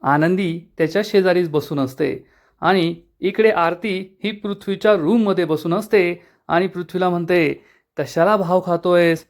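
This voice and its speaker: A man with a high voice retells a TV serial episode scene by scene. He keeps a steady storytelling manner throughout the recap. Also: normal speed.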